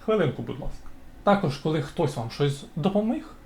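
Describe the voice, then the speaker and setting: A man from Ukraine gives a casual video lesson, and his voice sits a little high. He leaps up to hit each key word and then drops back to explain it. The room is echoey. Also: gravelly, a little hiss or hum. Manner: lively, repeats words slowly and stresses them. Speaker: English teacher for older relatives.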